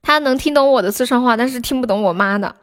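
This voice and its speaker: A young woman from Sichuan with a high, bright voice chats casually to her livestream viewers. She is playful and giggly, breaking into yelps while she games. Faint music plays softly behind her. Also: fast talker. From Sichuan, China. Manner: playful, giggly, yelps and shrieks mid-game.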